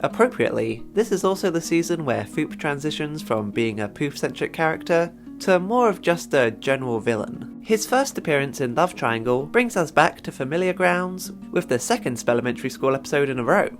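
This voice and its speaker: A man's voice: on the high side, very animated, fairly quick, few pauses, faint music behind. A man narrating a scripted video essay about a cartoon, wry and chatty in his commentary.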